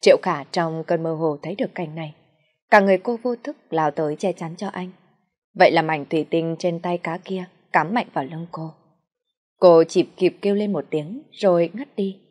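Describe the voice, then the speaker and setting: A woman narrating an audiobook in a steady storytelling read. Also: sits low. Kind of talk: scripted narration.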